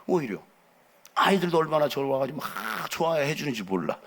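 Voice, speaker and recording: A middle-aged man preaching a lively, theatrical sermon to young people as a pastor. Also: a little high, fairly quick, creaky. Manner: animated, theatrical, acts out quotes and jumps around.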